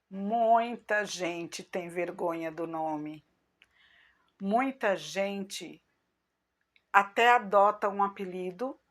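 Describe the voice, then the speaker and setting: Unhurried chatty Brazilian woman vlogger. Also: mid-range voice, fairly bright tone. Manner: unhurried, chatty, acts out remembered dialogue. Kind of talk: personal storytelling to followers.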